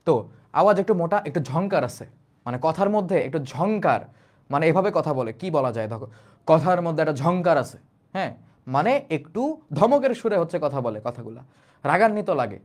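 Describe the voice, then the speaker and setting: A man's voice: on the high side, sing-song, normal speed. A young man with a Bangladeshi Bengali accent teaching a class, restating each line in plain everyday words and asking the students rhetorical questions. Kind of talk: explanatory class lecture.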